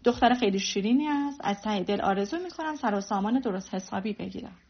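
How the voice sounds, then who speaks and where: A woman's voice: medium pitch, expressive. A woman voicing a gossiping, disdainful married lady in a storybook reading. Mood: gossipy. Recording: dull lo-fi recording.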